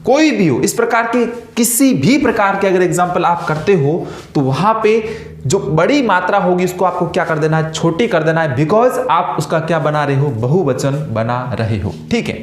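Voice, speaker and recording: High-voiced male teacher in echoey room. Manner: repeats questions to students and answers them himself. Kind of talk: classroom grammar lesson.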